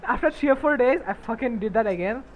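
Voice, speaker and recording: A man's voice: extremely high pitch, animated, fast, lo-fi sound, a little hiss or hum. Young man swearing through a crude story. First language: not English. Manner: crude, profanity-laden storytelling with frequent laughter. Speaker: podcast host. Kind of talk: casual chat.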